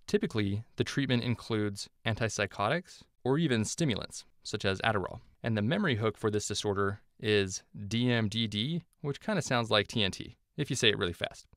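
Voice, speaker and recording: Low-pitched guy teaching a med lecture, dry close sound, explains stuff clearly. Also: fairly bright tone, no echo. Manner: clear explanatory tone with memory hooks. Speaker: medical lecturer. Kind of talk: scripted medical lecture.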